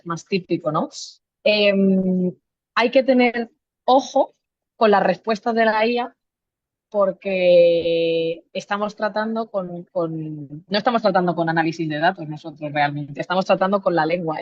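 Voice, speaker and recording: A woman's voice: mid-range voice, no room sound. A woman co-hosting a live-stream discussion, talking conversationally with hesitant fillers. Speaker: co-host. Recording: dull lo-fi dry sound.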